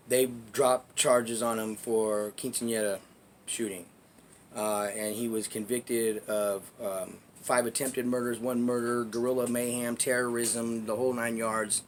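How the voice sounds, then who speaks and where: A man at an ordinary middle pitch tells a long, casual vlog story, swearing freely and rambling between points. His voice sinks into low asides and then rises in loud, emphatic bursts. A faint hiss runs under the recording. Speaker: vlogger telling neighborhood stories.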